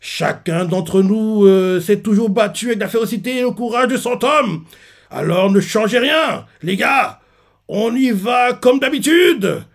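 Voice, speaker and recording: Man doing a steady unit commander. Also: sits high, measured pace, gravelly, voice pushed up, exaggerated voice. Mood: determined. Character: steady male unit commander addressing his men.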